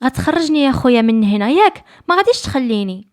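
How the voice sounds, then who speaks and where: A woman's voice: high-pitched, sing-song, fast. A woman with a Moroccan accent voicing a distraught young woman held by a sultan, pleading with her brother.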